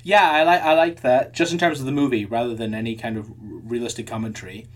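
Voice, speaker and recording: A man's voice: mid-range voice, fairly even intonation, fast. A man co-hosting a podcast in casual chat, thinking aloud with frequent restarts and repeated words. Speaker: podcast co-host.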